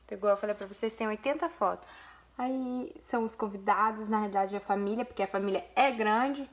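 Here a young Brazilian woman, a vlogger and mother, chats casually with viewers while flipping through a photo album and gushing over it. Her medium-pitched voice moves a little fast, and she speaks with a Brazilian Portuguese accent.

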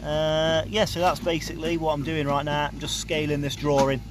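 A man's voice: on the high side, level tone, moderate pace. Young bricklayer talking through his work. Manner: plain-spoken, explains his work step by step. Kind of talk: casual on-site vlog narration. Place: outdoor building site beside a house. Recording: outdoor site noise behind the voice.

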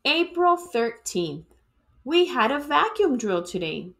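A woman with a high voice and some vocal fry reads a children's storybook aloud at a slow pace. She is expressive and dramatic, like a teacher with students.

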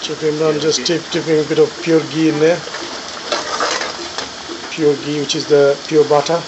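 Man commentating over a noisy kitchen. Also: fairly high pitch. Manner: relaxed, halting, with fillers and restarts. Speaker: cooking video narrator. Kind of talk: casual live commentary on a chef cooking. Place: restaurant kitchen. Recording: dull lo-fi audio with loud kitchen noise. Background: pans sizzling and clattering.

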